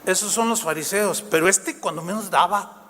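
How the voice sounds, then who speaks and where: A middle-aged man, a pastor preaching a sermon in a lively way, often asking the congregation questions and adding joking asides, in a reverberant church hall. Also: high-pitched, normal speed, slight background noise.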